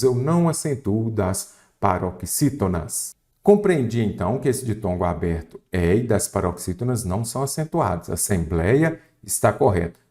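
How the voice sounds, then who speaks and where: A man's voice: medium pitch, a little mellow. A man teaching a grammar lesson for exam candidates, asking the student rhetorical questions and listing example words one by one. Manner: didactic, addresses the student directly with rhetorical questions.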